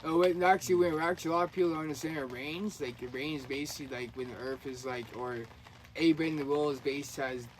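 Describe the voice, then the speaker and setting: A man's voice: a little high, fast talker. A man talking in a casual, earnest, rambling way, often restarting his sentences. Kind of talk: casual conspiracy chat. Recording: faint background noise.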